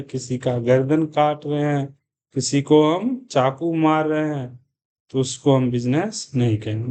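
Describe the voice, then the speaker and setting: A man lectures a class in a slightly raised voice, pacing himself slowly and deliberately. He keeps asking the students questions, then answers them himself and repeats the key terms. English terms are mixed into his speech. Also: on the high side, a little mellow, clear, resonant tone. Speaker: commerce teacher.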